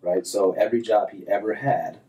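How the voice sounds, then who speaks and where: With a lowish, fairly quick voice, a man in his thirties, a golf instructor as guest, chats casually in an interview. He rambles in a relaxed way, heavy on fillers and restarts. He's far from the mic in a small office with framed diplomas, and the audio is poor.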